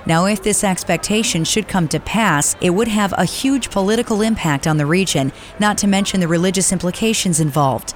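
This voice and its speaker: A woman's voice: lowish voice, brisk, hardly any pauses, a little hiss or hum, lightly acted. A woman playing an earnest field reporter in a mock news radio drama.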